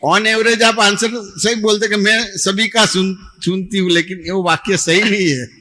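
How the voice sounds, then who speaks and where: A man's voice: high voice, little pitch movement, a little slow, sharp tone. A man leading a satsang question-and-answer session as a spiritual teacher, patient and repetitive, often checking that he is understood. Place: devotional gathering hall in Ahmedabad.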